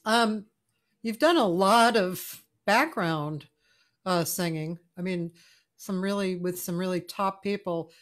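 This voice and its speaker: Speaking slowly in a lowish voice, the host is a woman in her sixties conducting a relaxed interview by video call from the music room in her home. She gushes and frequently searches for the right word, captured through a studio microphone.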